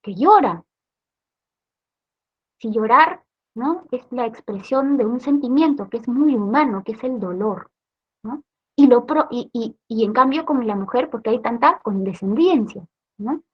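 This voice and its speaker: In a muffled recording, a Peruvian woman leads a police training session, laying out each step and frequently checking in through tag questions. Her Peruvian Spanish voice is a little high and slightly rough, with lively intonation and a somewhat slow pace.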